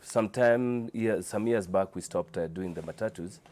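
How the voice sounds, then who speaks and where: Low-voiced, halting Kenyan man. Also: a little mellow. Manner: hesitant, halting. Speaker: interview guest, car audio dealer. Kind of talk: informal interview answers.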